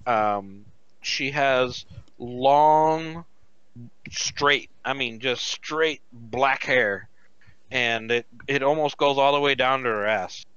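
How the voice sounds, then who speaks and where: A man narrating as game master over an online call, taking his time and describing each detail at length. His voice is bright and clear, but the audio is dull and lo-fi with no room sound. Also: mid-range voice, no room sound. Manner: descriptive and unhurried, with many fillers.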